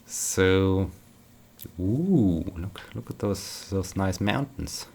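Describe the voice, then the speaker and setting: A man's voice: low-pitched, expressive, drawn-out words, gravelly, darkish tone, slight background noise. A man chatting casually while playing a game, rambling and repeating words, tired but upbeat. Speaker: gaming vlogger.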